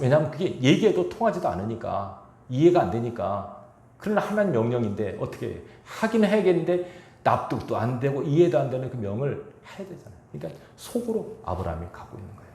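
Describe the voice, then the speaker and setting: A male pastor preaching a sermon, animated, acting out quoted speech and asking the congregation questions. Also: medium pitch, fast talker, roomy sound. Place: church sanctuary.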